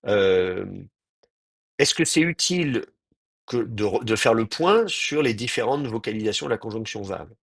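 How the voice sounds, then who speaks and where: A man lecturing to a small online class, pausing often and reworking his sentences as he thinks aloud. His voice sits low and sounds husky, recorded dry and close with no room around it. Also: lively intonation, no echo. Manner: hesitant, thinking aloud with many pauses and restarts. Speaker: teacher.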